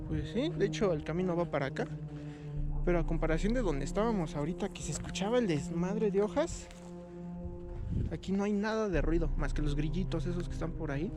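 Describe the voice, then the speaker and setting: A high-voiced man with a Mexican accent talks over clearly audible music in a casual exploration vlog. His delivery is chatty and full of slang, peppered with exclamations as he goes along outdoors. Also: expressive, fairly quick. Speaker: vlogger. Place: outdoors in a forest at night.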